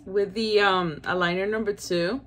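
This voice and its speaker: A woman's voice: mid-range voice, fairly even intonation. Woman talking with fingers in mouth. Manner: pained, breathy and halting, with gasps and nervous laughs. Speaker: vlogger. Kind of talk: casual vlog.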